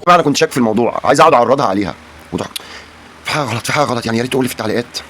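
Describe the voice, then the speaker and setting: A man's voice: medium pitch, lively intonation, very fast, fairly bright tone, slight background noise. A man with an Egyptian Arabic accent hosting a comic reaction video, teasing sarcastically and asking viewers to comment.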